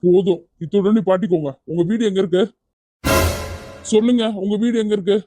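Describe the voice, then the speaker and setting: A performer voicing a kind, persistent young man in a cartoon, firm yet gentle as he coaxes someone to come along. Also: mid-range voice, brisk, no echo, soft background music, natural voice. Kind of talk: cartoon voice acting.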